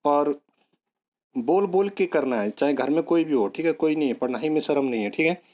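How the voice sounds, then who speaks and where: A man's voice: on the high side, expressive, moderate pace, a little mellow. Man drilling students with memory tricks. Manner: repetitive, drills words with memory tricks, coaxing. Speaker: teacher. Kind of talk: online exam-prep lesson.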